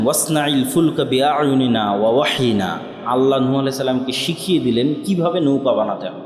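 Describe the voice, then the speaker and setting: A man's voice: medium pitch, darkish tone. A male preacher with a Bangladeshi Bengali accent, telling a story in a sermon with rising and falling emphasis and reciting Quranic verses. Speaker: Islamic preacher. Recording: echoey hall, long reverb.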